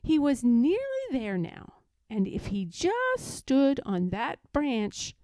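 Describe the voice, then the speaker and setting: A woman reads a children's story aloud with expressive, widely varied intonation. She takes her time over each phrase. Her tone is soft and mellow, in a dry, close recording. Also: high-pitched, takes it slowly, dry recording.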